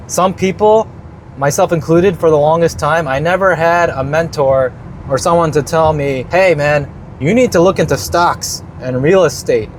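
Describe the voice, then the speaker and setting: A man's voice: on the high side, a little hiss or hum. A man in his thirties talking casually about money and luck, blunt and rambling, swearing freely. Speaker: investing vlogger. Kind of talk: casual monologue.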